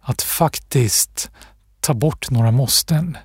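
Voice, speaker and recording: A man being interviewed as an author, talking reflectively with pauses and restarts. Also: medium pitch, husky, dry recording, studio quality. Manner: thoughtful, pausing, with restarts and fillers. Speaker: author, guest.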